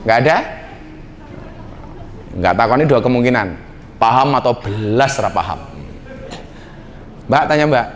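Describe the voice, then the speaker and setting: A man's voice: medium pitch, expressive, a little slow, pauses often, slight background noise. A middle-aged man with a Javanese accent, preaching in a teasing, jokey way to a nightclub crowd. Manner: teasing, jokey, mixes Javanese slang into his talk. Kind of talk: joking sermon to a nightclub crowd. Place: nightclub hall with a live audience.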